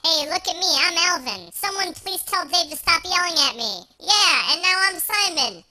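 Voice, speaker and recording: A man putting on a cheeky cartoon chipmunk with a sped-up, squeaky chipmunk voice, mocking and jokey. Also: expressive, moderate pace, noisy background. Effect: sped-up high chipmunk voice.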